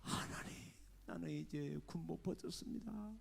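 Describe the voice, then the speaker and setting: A man's voice: on the high side, moderate pace, vocal fry, husky, voice pushed up, heavily acted. An older man voicing a wronged army general who sobs and pleads aloud to God. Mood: anguished wailing. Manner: sobbing, pleading, shouting. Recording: echoey church hall.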